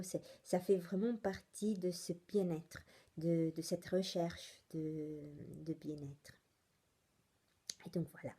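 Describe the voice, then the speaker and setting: Slow, mellow-voiced Italian woman rambling. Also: lowish voice, breathy edge. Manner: rambling, hesitant, many fillers and restarts. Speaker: knitting podcast host. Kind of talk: casual chatty podcast monologue.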